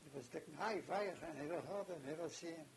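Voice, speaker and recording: An older woman with a Yiddish accent recalling memories in halting, broken English. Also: low voice, crowd noise. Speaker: interviewee, immigrant recalling the journey. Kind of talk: casual oral history recollection. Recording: hissy, noisy amateur home recording.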